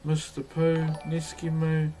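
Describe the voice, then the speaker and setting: Speaking slowly in a rather high, monotone voice with a dark tone, this livestreamer welcomes his viewers in a broad New Zealand accent. He's casual, matey and full of slang. Faint music sits behind him amid noticeable background noise.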